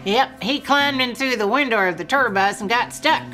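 Bright, dry fair guard, woman, exasperated drawl. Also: fairly high pitch, normal speed, soft background music. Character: stern drawling fairground security woman. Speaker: fairground staff. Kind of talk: comedy sketch acting.

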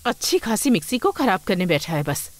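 A woman's voice: medium pitch, sing-song, fairly quick. A woman dubbing a fussy middle-aged mother who nags and scolds her son, in a dubbed movie. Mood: nagging. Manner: nagging and scolding. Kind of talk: Hindi movie dub.

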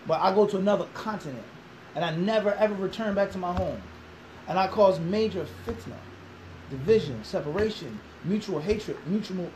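A Philadelphia man in his thirties, an Islamic teacher, is interviewed in a small classroom and answers emphatically, full of rhetorical questions. His voice sits high and slightly mellow, captured on a low-quality recording with a little background noise.

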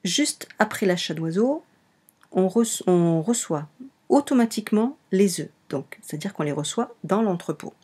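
In an unhurried, low voice with a darkish tone, a breathy edge and lively intonation, a woman with a French accent guides viewers through a browser game. It's a casual screen-recorded tutorial from a walkthrough presenter who often goes back to repeat or correct what she's said.

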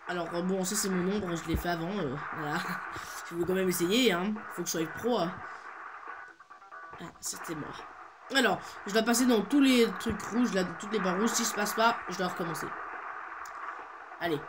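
Teen guy rambling through a ski game, playful, lots of ums, game music loud behind. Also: sits high, moderate pace, pauses often. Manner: rambling and playful, many hesitations. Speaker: gaming video host. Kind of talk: casual gameplay commentary.

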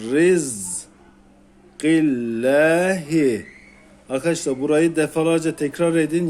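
This man, whose voice is on the high side and darkish, speaks with a Turkish accent while teaching Quran reading to beginners. He works syllable by syllable, stretching each sound slowly and repeating it for the learners.

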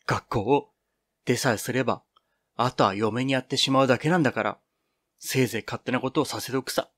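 A man's voice: mid-range voice, a little fast, fairly bright tone, no room sound, studio quality, lightly acted. Man voicing impassioned young schoolgirl Toku. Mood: agitated, bitter. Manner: impassioned, lamenting. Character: anxious young woman student Toku.

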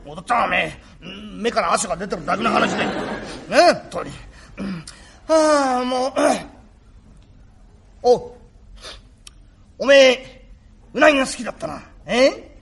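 A man playing a remorseful rough working-class father, gruff yet tender, in old Tokyo shitamachi speech. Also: very high-pitched, lively intonation, measured pace, pauses often, fairly bright tone, full character voice. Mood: apologetic. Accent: Tokyo shitamachi (Edo). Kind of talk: rakugo storytelling.

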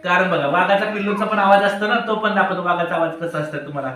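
High bright man teaching in echoey classroom. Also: fast talker. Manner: questioning, prompting children for answers. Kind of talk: classroom lesson with children. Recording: very echoey room, voice from far off.

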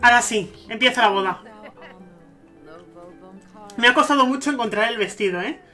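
A man with a Spain Spanish accent giving gushing, excitable let's-play commentary over a life-sim game. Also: extremely high pitch, moderate pace, faint music behind. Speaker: gaming streamer.

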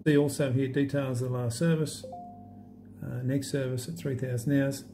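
A man walking through an app demo in a relaxed, halting way with many fillers. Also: medium pitch, over music. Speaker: app demonstrator. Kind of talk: unscripted screen demo walkthrough.

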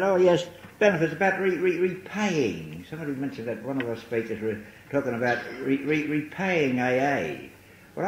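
Recorded on old tape with faint hiss, the echoey sound of a large hall surrounds a medium-pitched older man from Liverpool. The lo-fi clip captures him rambling through a self-deprecating personal story at a recovery meeting.

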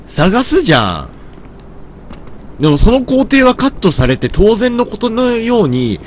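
A man's voice: a little high, slight background noise. Guy commentating a game, stuffy nose, grumbles and scolds stuff, voice bounces up and down a lot. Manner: grumbling to himself, mock-scolding game characters. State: stuffy nose from hay fever. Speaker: gameplay commentator. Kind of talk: gameplay commentary.

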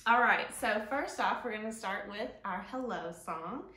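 Recorded by a camera mic a few feet off, which makes the audio sound roomy, this storytime comes from a living room at home. The host, a children's librarian in her thirties with a mid-range voice, reads aloud expressively to young children in simple phrasing, stretching out key words.

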